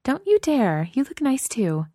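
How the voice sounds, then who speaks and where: A woman voicing a bubbly, excitable young woman in a romance audiobook, gushing and eager. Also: high-pitched, no echo, clean studio sound, voice pushed up, heavily acted. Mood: excited. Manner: eager, gushing, rushing her words. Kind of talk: audiobook character voice.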